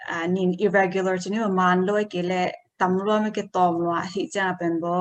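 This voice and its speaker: A woman giving an informal health talk, explaining slowly and hesitantly, dropping in English medical terms. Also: mid-range voice, steady tone, lo-fi sound.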